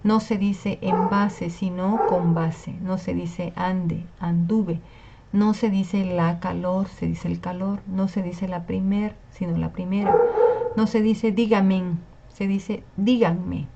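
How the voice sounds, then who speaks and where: A woman's voice: on the low side, fairly even intonation, slow, gravelly, heavy background noise. A woman teacher, patiently explaining and checking in with her class. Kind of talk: online class lecture on Spanish spelling. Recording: slightly dull lo-fi recording.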